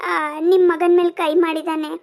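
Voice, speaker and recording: A gentle cartoon mother speaks softly and pleads with quiet patience, as a woman plays her. Her voice is pitched very high. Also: little pitch movement, fairly quick. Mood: pleading. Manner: soft, pleading.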